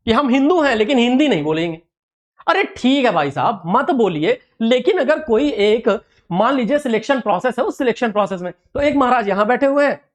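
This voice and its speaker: Guy teaching exam prep in hindi, pushy and rhetorical, keeps asking the viewers stuff. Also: very high voice. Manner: rhetorical, argumentative, talks straight to viewers. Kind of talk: animated lecture to students.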